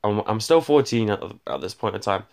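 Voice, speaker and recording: A man's voice: lowish voice, animated, a little fast, a little mellow. A man tells a rambling personal story, often skipping details with "blah, blah, blah", while holding his phone to record. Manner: rambling, fills gaps with "blah, blah, blah". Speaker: vlogger. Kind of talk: casual storytime monologue. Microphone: handheld phone.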